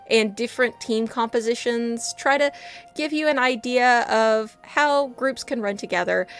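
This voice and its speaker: Broadcasting from her rural home, this gaming channel host delivers quick, casual commentary that's bubbly and silly. Her voice is on the high side with a fairly bright tone.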